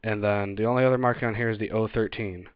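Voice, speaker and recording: A man's voice: lowish voice, steady tone, quick pace, clear, resonant tone, no room sound. A man giving a casual, unscripted product review in an informal, hesitant manner, recorded on a webcam setup. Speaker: gear reviewer presenting a video. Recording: dull lo-fi webcam audio.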